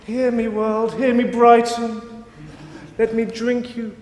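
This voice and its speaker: Pompous male performance artist, high and grand, theatrical declarations, as a lecturer sends one up in a roomy hall. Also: level tone, takes it slowly, background noise. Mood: grandiose. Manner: overblown, theatrical proclamations. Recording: roomy hall reverb, faint ambience.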